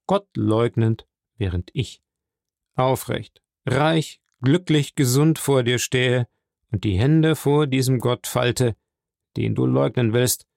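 A man voicing a stern, solemn nobleman who speaks slowly and gravely. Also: mid-range voice, darkish tone, no echo, studio quality. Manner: slow, grave, measured.

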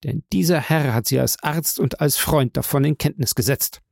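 A passionate young man with a raised, strained voice, pressing his accusation over and over, as a male narrator puts him on. The tone is gravelly and dry. It is an audiobook figure, loud and insistent. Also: on the high side, moderate pace, no echo, pitched above the performer's own voice. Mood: accusing. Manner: fervent, insistent repetition.

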